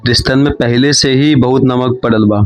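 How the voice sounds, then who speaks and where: A man's voice: mid-range voice, steady tone, moderate pace, soft background music, natural voice. A man voicing a naive but witty young village man who talks in a cheeky, playful rustic way.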